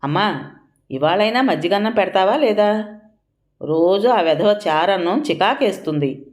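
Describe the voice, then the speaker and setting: A woman voicing a hungry, sulky six-year-old girl who whines in a quick, tearful way. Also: medium pitch, expressive, pitched above the performer's own voice, natural voice.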